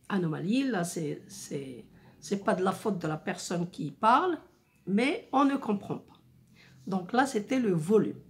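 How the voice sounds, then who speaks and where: A woman teacher explaining a lesson slowly, repeating and rephrasing her points with frequent hesitations. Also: mid-range voice, a little mellow. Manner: slow, deliberate, repeats and rephrases with many fillers. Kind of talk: slow explanatory French lesson.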